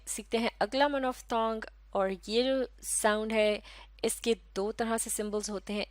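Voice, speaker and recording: A woman from Pakistan gives a recorded English phonetics lesson with a Pakistani Urdu accent. She speaks patiently at a middling pitch, repeating each sound slowly several times. Her voice is dry and close to the mic. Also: no room sound. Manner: patient, explains step by step. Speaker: English teacher.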